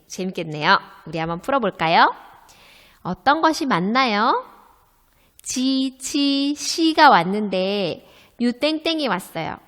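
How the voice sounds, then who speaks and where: A woman with a fairly high, lively voice teaches a recorded Chinese lesson. She speaks slowly and carefully, asking questions and then answering them herself. A long reverb trails her words. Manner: slow, careful drilling of pinyin sounds.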